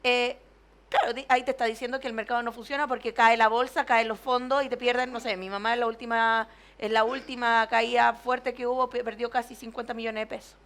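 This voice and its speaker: A woman's voice: fairly high pitch, level tone, a little fast, a bit bright. A woman speaking as a party president in a public debate, earnest and often restarting her sentences as she builds her points.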